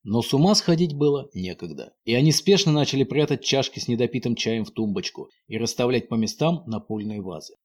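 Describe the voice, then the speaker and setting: A man's voice: medium pitch, expressive, a little fast, few pauses, a little mellow. A man reading a fairy tale aloud in a playful, ironic storytelling manner. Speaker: narrator.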